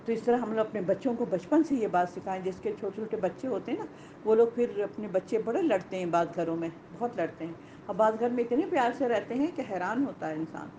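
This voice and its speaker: A woman teaching a Quran lesson to women, animated, asking rhetorical questions and repeating key points. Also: mid-range voice, highs cut off, slight background noise.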